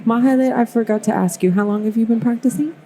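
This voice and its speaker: A woman's voice: fairly high pitch, fast talker, dark tone. A woman hosting a conference podcast, upbeat and encouraging as she interviews guests. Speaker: podcast host.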